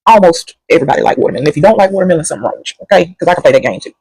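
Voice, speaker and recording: A woman's voice: on the low side, animated, rapid-fire, darkish tone, breathy edge, no room sound, low-quality recording. A woman doing a casual, rambling food review at home, sassy and sometimes talking while she eats.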